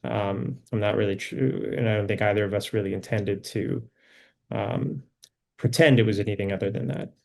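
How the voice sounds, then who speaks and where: A man who is a filmmaker guest in a casual conversation. He speaks thoughtfully and with hesitation, with many pauses. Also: lowish voice, steady tone, gravelly.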